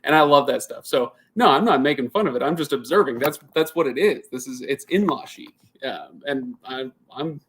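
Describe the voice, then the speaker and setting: A man in his thirties, a channel host, runs a casual live Q&A, chatting and thinking aloud as he answers viewer comments. He often restarts his sentences, with a mid-range voice at a normal speed.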